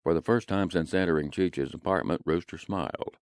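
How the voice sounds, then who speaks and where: A man narrating an audiobook in a gritty, deadpan way, recorded close in a studio. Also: low voice, fairly quick, clean tone, dry recording.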